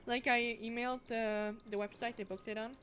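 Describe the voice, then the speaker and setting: A woman's voice: on the high side, little pitch movement, fairly quick. A young woman streaming a game, chatting casually with lots of fillers and blunt swearing. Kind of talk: casual chat while gaming. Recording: noisy home stream mic.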